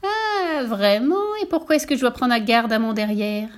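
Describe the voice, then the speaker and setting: A spiteful old witch from a storybook, her thin, sour voice pitched high and shrill, put on by a woman reading aloud. She mocks and gloats as she sets her trap. Her voice swoops through a wide range. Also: lively intonation, measured pace. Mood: mocking. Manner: mocking, gloating and scheming. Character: spiteful old female witch in a broom cupboard.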